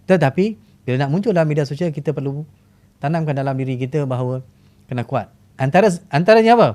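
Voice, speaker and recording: A Malaysian man, a historian guest on a podcast, explaining in a fast way and often asking and answering his own questions. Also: a little high, a little mellow. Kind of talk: podcast interview.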